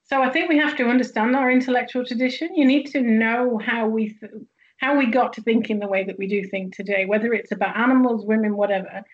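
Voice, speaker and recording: This woman, a guest sociologist with a Northern English accent from the northwest, talks fast in a fairly high voice during an academic interview conversation, thinking aloud with many fillers and restarts. The sound is lo-fi.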